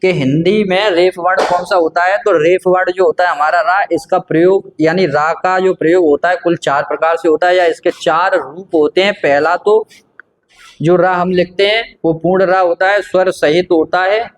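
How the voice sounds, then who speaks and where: High-voiced man teaching patiently. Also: steady tone, moderate pace. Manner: patient, repetitive, asks and answers his own questions. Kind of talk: grammar lesson explaining at a board.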